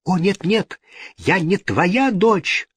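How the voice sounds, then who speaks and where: Frightened young Italian girl, read by a man, high, terrified, pleading cries. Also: slow pace, fairly bright tone, husky, no room sound, full character voice.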